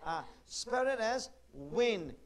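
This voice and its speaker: High-voiced pastor quizzing children slowly. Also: male voice, expressive. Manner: asks questions and repeats them, coaxing answers. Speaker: pastor teaching a children's Bible class. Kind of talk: Bible lesson for children.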